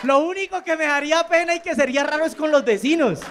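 A man's voice: extremely high pitch, quick pace, crowd noise, noisy background. A man with a Colombian accent performing a stand-up comedy routine, telling crude stories with quoted voices. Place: comedy club stage.

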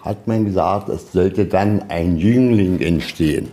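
At a measured pace, a very deep and mellow male voice gives a loose, conversational museum tour, wandering a little as he explains things to visitors.

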